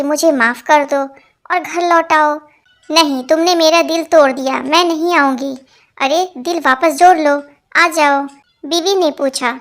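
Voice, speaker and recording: A woman reading a string of short jokes aloud as scripted narration, giving every part in one even voice. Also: sits high.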